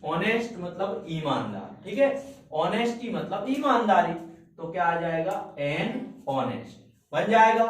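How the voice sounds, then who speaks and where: A man teaching an English grammar lesson in a classroom, slowly repeating points and quizzing his students with questions. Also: high-pitched. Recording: echoey room, mic far off.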